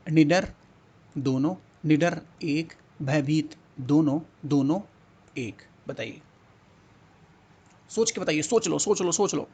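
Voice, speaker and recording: A man's voice: fairly high pitch, takes it slowly, pauses often, a little mellow, slightly rough. A man teaching a Hindi exam-prep lesson, repeating words and coaxing students to think and answer. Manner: repetitive, coaxing questions to students.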